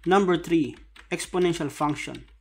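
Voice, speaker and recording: A man with a fairly high voice narrates a scripted instructional walkthrough. He dictates each step in short, separate phrases, spelling out symbols and keys as if for someone typing along. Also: normal speed, vocal fry, husky. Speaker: tutorial narrator.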